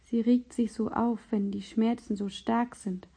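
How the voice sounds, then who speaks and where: A weak young boy, sick and in pain, speaks in a faint, breathy hush with a warm, mellow tone, as a woman reads him aloud. The voice sits fairly high, and his words come soft and fragile in a storybook reading. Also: steady tone, unhurried.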